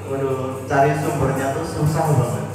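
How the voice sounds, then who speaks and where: A man in his twenties, talking reflectively in a casual chat with halting pauses. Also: mid-range voice. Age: 20s. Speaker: guest. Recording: echoey room from far off with music.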